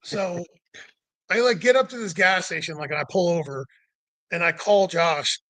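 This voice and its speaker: Bright high-voiced man telling a road story. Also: normal speed. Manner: rambling, heavy use of "like"; acts out quoted dialogue. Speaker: podcast guest. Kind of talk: casual storytelling.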